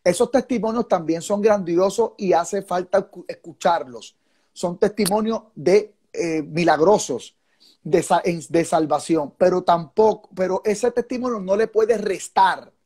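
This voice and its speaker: A man's voice: high-pitched, unhurried, darkish tone, breathy edge. A man hosting a live faith program, preaching and then interviewing a guest, with fervent exclamations of praise woven into his speech. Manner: fervent, sprinkled with "gloria al Señor" and "aleluya". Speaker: host and preacher.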